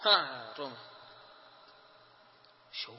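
A man's voice: mid-range voice, animated, very slow, a little hiss or hum. A man teaching a classroom lesson, drilling lists and prompting students with short questions. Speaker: teacher of Islamic inheritance law. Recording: reverberant room, dull lo-fi sound.

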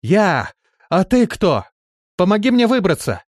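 A man's voice: medium pitch, very animated, moderate pace, mellow, no echo, clean studio sound. A man reading an audiobook, voicing a frightened, wily woman just pulled from a well, in a raised, strained voice. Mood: desperate. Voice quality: hoarse when rescued. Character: frightened, wily dark-skinned woman, soaked and exhausted. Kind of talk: audiobook character voice.

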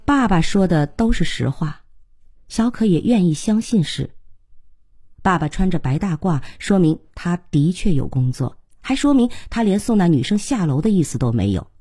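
Husky female audiobook narrator. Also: lowish voice, moderate pace, no echo, studio quality. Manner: expressive, storytelling. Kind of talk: scripted novel narration.

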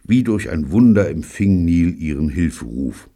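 Husky deep-voiced male audiobook narrator. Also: unhurried. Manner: dry, wry storytelling with lively voiced dialogue. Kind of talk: audiobook reading of a children's novel.

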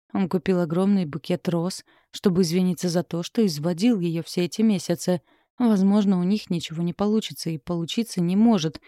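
A woman narrating an audiobook in a steady, measured reading. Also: on the low side, no echo, studio quality.

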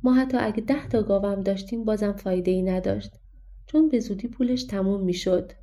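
A woman's voice: mid-range voice, warm tone, close to an everyday voice. A woman voicing a worried poor mother in a storybook, firm and scolding. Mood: stern.

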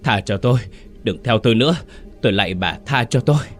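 A man's voice: medium pitch, animated, fairly quick, soft background music, pitched above the performer's own voice, natural voice. A man voicing a guilt-ridden, terrified man who pleads in panic.

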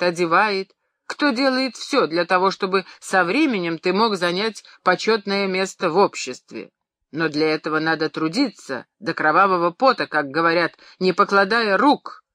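A pompous, excitable middle-aged pharmacist rants and scolds at full volume, as an audiobook reader puts him on. The voice is pushed higher than the reader's own, bright and tense. It is recorded close and dry, with no room sound. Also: no room sound. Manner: ranting, shouting in outrage. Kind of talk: audiobook character reading.

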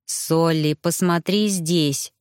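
Hoarse, shaken old male ghost, slow and low, read by a woman narrator. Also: steady tone, a little mellow, dry recording, clean studio sound. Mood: urgent. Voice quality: hoarse, wheezy.

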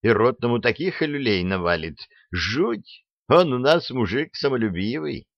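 A man's voice: mid-range voice, expressive, measured pace, dry recording, pitched above the performer's own voice. A man voicing a nervous young soldier who rambles anxiously, on a dull, dry, lo-fi recording. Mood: worried.

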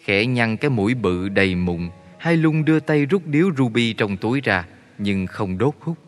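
A man narrating a story in a steady, measured way. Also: medium pitch, faint music behind. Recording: long reverb.

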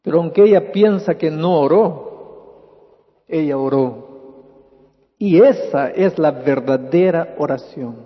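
A man preaching a sermon, dramatic, swinging from loud to soft. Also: a little high, slow, long pauses. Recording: dull lo-fi with long hall reverb.

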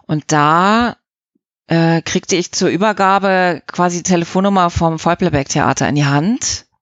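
In a low-ish voice at a measured pace, a middle-aged woman, an audio drama producer and editor, gives casual, contemplative interview answers that ramble as she works through her thoughts. There's no room sound, and the highs are cut off.

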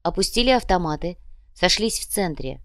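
A woman narrates an audiobook with a lowish voice. She reads in a steady, dramatic manner. The recording is dry and close. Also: normal speed, dry recording. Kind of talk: scripted narration.

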